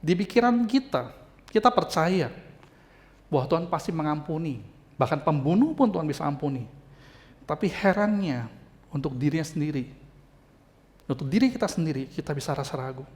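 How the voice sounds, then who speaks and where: Expressive male pastor preaching. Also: fairly high pitch, moderate pace, pauses often. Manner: expressive, heartfelt, addresses the congregation directly. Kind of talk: sermon storytelling.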